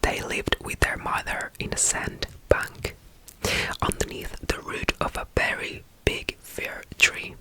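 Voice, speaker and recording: An ASMR roleplayer whispering softly and soothingly as a caretaker, repeating gentle phrases and reading a bedtime story aloud. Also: slow pace, low-quality recording.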